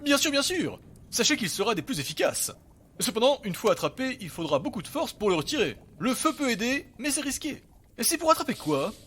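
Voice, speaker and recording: A man voicing an eccentric, fussy elf mad scientist in a fantasy audio story, excitable and exclamatory. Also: very high voice, a little fast, slight background noise, voice pushed up, full character voice. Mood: excited, eager.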